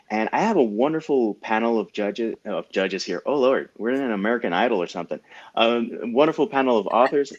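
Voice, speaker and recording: Male panel host, informal and joking, medium pitch, slightly dull recording. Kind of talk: casual hosting chat. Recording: dull lo-fi sound.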